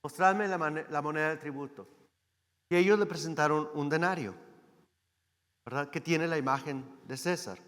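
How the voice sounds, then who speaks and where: A man's voice: fairly high pitch, moderate pace, pauses often, fairly bright tone, long reverb tail. A man preaching a sermon as a guest speaker, talking in a conversational way and often asking the congregation questions. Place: church hall.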